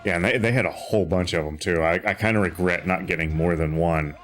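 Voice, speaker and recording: A man's voice: low voice, fairly even intonation, fast, fairly bright tone. A tired man streaming a game from home, chatting in a rambling way with lots of fillers and restarts. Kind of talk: casual chat while gaming.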